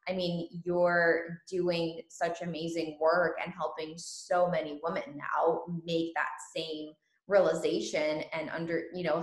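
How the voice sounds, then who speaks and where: A woman host born in Ukraine, chatting casually in an interview and laughing often. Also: on the low side. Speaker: podcast host. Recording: echoey room.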